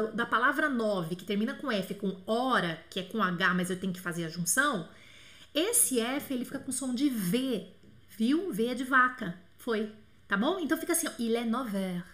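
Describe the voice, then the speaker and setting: A woman, teaching a live online French lesson. She patiently repeats phrases slowly to model pronunciation and answers viewers' questions by name. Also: fairly high pitch, a bit bright.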